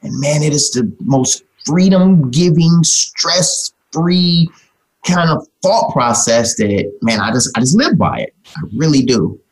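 A man's voice: a little high, animated, slow, rough recording. A man speaking as an interview guest in an informal, folksy way, often dropping in "man" and "you know". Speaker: interview guest, communication trainer and author. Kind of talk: casual interview talk.

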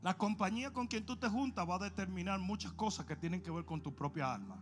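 A man preaching an animated sermon, acting out stories and swinging between shouting and low asides. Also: fast, soft background music.

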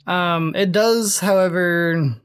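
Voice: mid-range voice, slow pace, smooth. A young adult host in casual chat, reading monster lore aloud with many fillers. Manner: chatty, reads passages aloud with fillers.

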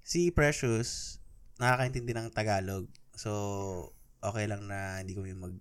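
A man's voice: fairly low pitch, normal speed, clean tone. A man from the Philippines co-hosting a casual chat, asking questions and switching between Tagalog and English. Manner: lively, asks questions, code-switches. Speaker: podcast co-host.

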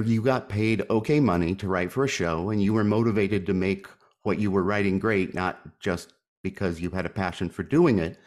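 Male podcast host, low voice, talkative, mildly opinionated. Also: darkish tone. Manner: chatty, self-deprecating, opinionated. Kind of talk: casual podcast chat and commentary.

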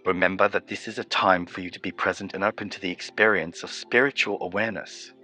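A man guiding a meditation, giving slow, soothing, evenly paced instructions. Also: low-pitched, steady tone, bright, forceful tone, soft background music. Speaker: meditation guide. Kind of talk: guided meditation.

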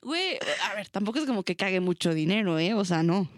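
A woman's voice: medium pitch, fast talker, dry recording, studio quality. Blunt, foul-mouthed young Mexican woman. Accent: Mexican Spanish. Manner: blunt, swears freely, animated storytelling. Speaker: podcast co-host. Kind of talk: casual chat.

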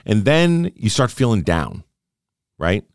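Deep-voiced man in his forties, earnest podcaster. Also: sing-song, takes it slowly, no echo, clean studio sound. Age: 40s. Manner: earnest, conversational, repeats phrases and asks "right?". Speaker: podcast host. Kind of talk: solo podcast monologue.

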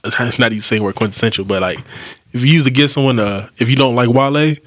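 A man speaks in a deep, low and magnetic voice, very close to the microphone with a dry sound. His delivery is casual and conversational, like a panelist in a music discussion. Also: quick pace, dry recording. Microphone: speaking close to the mic.

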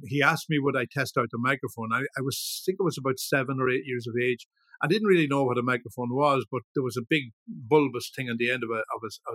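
An older man around seventy with a north-west of Ireland accent chats in an interview. He rambles in a halting, repetitive way, circling back over words. The sound is dry and close, at a middling pitch. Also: fairly bright tone, no room sound. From Ireland, grew up in Ballyshannon, County Donegal. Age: 70s. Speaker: guest, veteran musician. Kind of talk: casual reminiscing interview chat.

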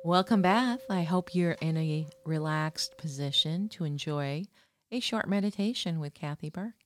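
A woman's voice: low voice, moderate pace, slight background noise. A woman hosting a podcast in a casual, conversational interview style. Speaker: podcast host.

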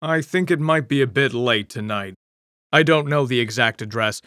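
A man's voice: mid-range voice, normal speed, pushed and bright, no echo, clean studio sound, lightly acted. A man voicing a secretive, defensive middle-aged man, answering in short, evasive replies. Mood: guarded. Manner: terse, evasive.

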